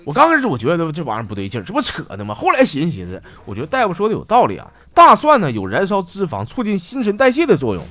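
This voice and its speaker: A man's voice: rapid-fire, hardly any pauses, no echo. A man, hosting a show and telling listeners' jokes in a playful comic storytelling manner. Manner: lively, playful, swings pitch for effect. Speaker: host reading listener jokes.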